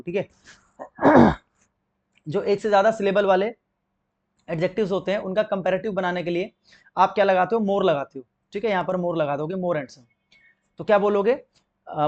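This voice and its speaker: A young Indian man teaches an exam-prep grammar lesson, posing questions and answering them himself and reading example sentences slowly. His voice is high-pitched, and the recording has its highs cut off.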